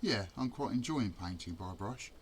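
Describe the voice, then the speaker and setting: Hobbyist, deepish voice, easygoing self-deprecating workbench chatter, faint room hum behind. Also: male voice, lively intonation, moderate pace, poor audio. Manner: chatty, self-deprecating, muttering while working. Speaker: scale model builder. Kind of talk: casual build commentary.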